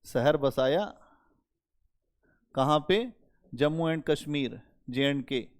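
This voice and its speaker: A male history teacher giving a lively, conversational classroom lecture and talking straight to his students. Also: a little high, slow pace, clear, resonant tone. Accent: Hindi-speaking North Indian. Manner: animated, conversational, addresses students directly.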